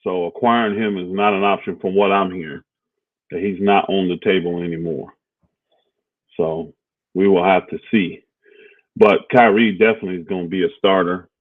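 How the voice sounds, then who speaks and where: A deep-voiced man talks through sports news in a loose, rambling way, pausing on fillers as he thinks aloud. The sound is dry and thin, like a phone line. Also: fairly even intonation, no room sound. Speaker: co-host of a basketball talk stream. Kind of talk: casual sports talk livestream.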